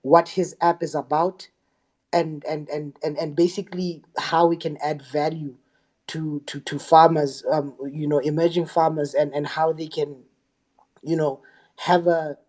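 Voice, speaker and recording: Hesitant man with a mellow voice. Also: a little high, flat delivery, a little slow. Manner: hesitant, repeats words, apologetic. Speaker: speaker in the discussion. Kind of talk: casual remarks on a live audio room.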